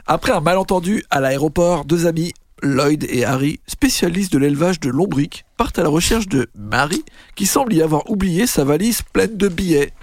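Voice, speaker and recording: A man co-hosting a podcast, reading film plot summaries slowly and then joking about them. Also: a little high, animated, no room sound. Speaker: podcast co-host presenting films. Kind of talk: casual chat with read-out film pitches.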